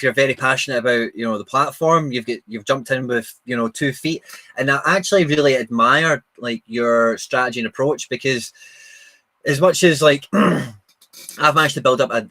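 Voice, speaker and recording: A man's voice: mid-range voice, a bit bright, no room sound. A man hosting a live show in casual chat, informal and chummy.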